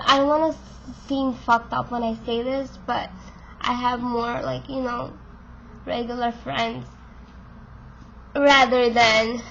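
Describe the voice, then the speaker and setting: Her voice sits high, creaky, pushed and bright as this twenty-something vlogger chats frankly to camera with plenty of fillers. She's stuffed up and keeps losing her voice. The recording has cut-off highs and a little hiss or hum.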